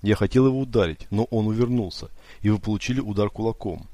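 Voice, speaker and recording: A man voicing a calm, cool-headed, ironic young man in an audiobook, speaking quietly and composed. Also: fairly low pitch, fast, no echo, natural voice.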